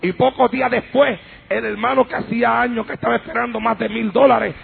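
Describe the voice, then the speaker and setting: A man preaching a fervent Pentecostal sermon, telling stories and breaking into shouted praise, on a tinny old radio recording. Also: very high-pitched, steady tone, fairly quick, creaky, slight background noise.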